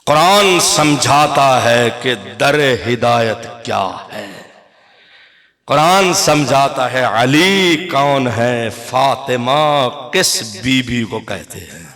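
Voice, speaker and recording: A middle-aged man delivering an impassioned sermon, moving between soft, slow Quranic recitation and shouted, sung declamation. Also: medium pitch, animated. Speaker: cleric giving a religious address. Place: gathering at a congregational religious hall.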